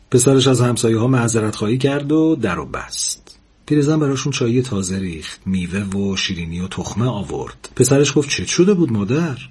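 A man calmly reading a story aloud in a measured, soft-spoken way. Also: medium pitch, slightly rough. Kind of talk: scripted story narration.

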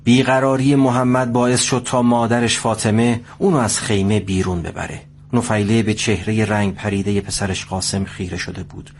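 A man narrating a scripted story at a steady pace. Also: lowish voice, a little hiss or hum.

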